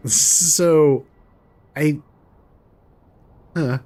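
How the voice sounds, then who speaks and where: A man giving casual gameplay commentary, thinking aloud in a halting, amused way. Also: on the high side, dark tone, faint music behind. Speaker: gamer, let's player.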